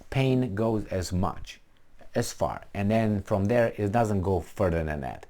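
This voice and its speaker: A man, originally from Romania, giving blunt, defiant political commentary in a casual, animated way, with many restarts and fillers. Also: lowish voice, measured pace.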